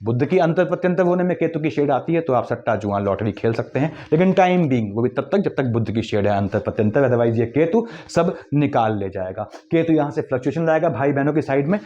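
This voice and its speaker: A man giving a quick, lecturing astrology forecast, weaving English terms into his explanations. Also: mid-range voice, animated, warm tone, highs cut off. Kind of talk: monthly horoscope talk.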